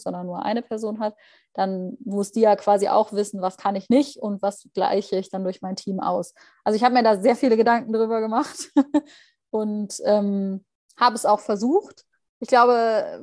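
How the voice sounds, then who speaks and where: A young woman, a junior anesthesia doctor appearing as a guest, gives reflective interview answers while thinking aloud. Her medium-pitched, mellow voice is dry with no room sound, and she sounds thoughtful and hesitant, full of fillers and restarts.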